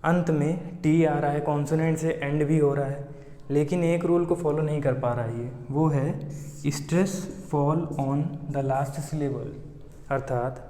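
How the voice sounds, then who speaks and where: A man's voice: a little high, dark tone. A man teaching English grammar in a patient way, asking questions and answering them himself. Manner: slow, patient, asks then answers his own questions. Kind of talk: explaining a lesson. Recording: echoey room with long reverb.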